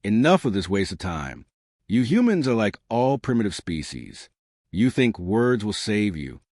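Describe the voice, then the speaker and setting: A man's voice: fairly low pitch, sing-song, unhurried, darkish tone, dry recording, studio quality. A man voicing a ruthless, contemptuous alien male war leader in a narrated sci-fi story. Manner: scornful, commanding.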